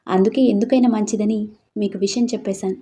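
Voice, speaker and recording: A woman's voice: mid-range voice, fairly even intonation, fast talker, dark tone, close to an everyday voice. A woman voicing a respectful male informer reporting to his boss in a storybook reading. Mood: deferential.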